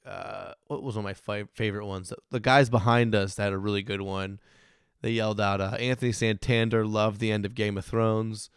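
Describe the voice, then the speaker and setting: A man in his thirties from Michigan, hoarse from losing his voice, chatting casually in a rambling, self-interrupting way with frequent laughs. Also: lowish voice, dry recording, studio quality. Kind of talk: casual chat.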